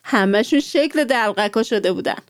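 Brief: female children's storyteller, fairly high voice, dry close sound, speaks straight to the kids. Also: animated, no echo. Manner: warm, addresses children directly with questions.

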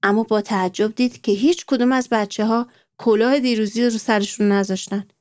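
In a clean studio recording with no room sound, a woman tells a children's story in a fairly high, steady voice. Her manner is warm, and she often addresses the young audience directly with friendly questions.

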